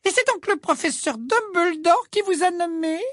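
A man's voice: extremely high pitch, expressive, fairly bright tone, no echo, clean studio sound, pitched above the performer's own voice. A man voicing a prim, falsely polite middle-aged female school inspector for a storybook reading. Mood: sugary. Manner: sweet, falsely polite, slow and drawn out.

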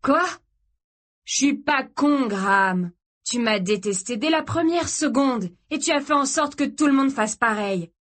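A woman voicing a volatile, jealous young man who shouts and snarls vulgar threats. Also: medium pitch, unhurried, husky. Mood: furious shouting.

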